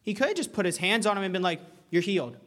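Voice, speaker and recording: High-voiced earnest young preacher. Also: male voice, expressive, rapid-fire. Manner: earnest, conversational, builds to loud pleading cries. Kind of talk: sermon.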